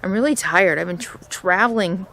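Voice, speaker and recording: Chatty low-voiced woman travel vlogger. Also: normal speed, a bit bright. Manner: chatty, reads out history notes with small stumbles. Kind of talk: casual travel vlog narration.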